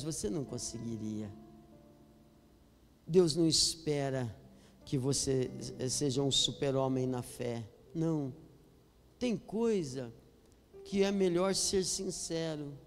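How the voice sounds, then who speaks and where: A pastor with a high voice, preaching in a deliberate, drawn-out way. He moves between hushed, low appeals and loud, shouted exhortation. His voice rings through a long church reverb, with faint instrumental music underneath. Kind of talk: sermon. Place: church sanctuary.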